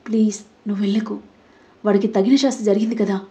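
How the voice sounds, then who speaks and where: A woman voicing a gentle young sister who pleads softly, in a Telugu audio story. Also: medium pitch, steady tone, quick pace, lightly acted. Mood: pleading. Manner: soft, pleading.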